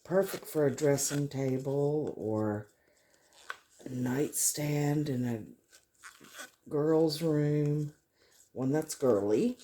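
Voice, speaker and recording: Mellow, unhurried woman musing aloud. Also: low-pitched, a little hiss or hum. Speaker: craft vlogger hosting a resin tutorial. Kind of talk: casual chat while working.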